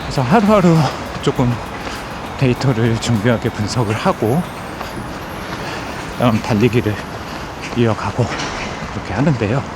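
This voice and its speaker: A man records a casual vlog as he runs, speaking in short, broken phrases at a medium pitch. He is outdoors, and loud music plays behind his voice. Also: lively intonation, moderate pace, pauses often, rough recording. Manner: talking while running, in short broken phrases. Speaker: running content creator.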